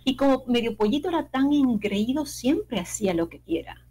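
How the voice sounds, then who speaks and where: A woman telling a children's folk tale aloud, with expressive, playful pacing and sound effects. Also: high voice, moderate pace, slight background noise, poor audio. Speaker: storyteller. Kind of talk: oral storytelling on radio.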